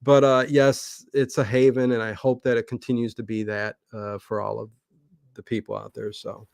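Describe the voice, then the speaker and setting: The creator of an online old-time radio channel rambles casually as an interview guest on a livestream, frequently starting his sentences over while thinking. He speaks at normal speed in a flat, creaky, darkish mid-range voice, recorded dry with no echo.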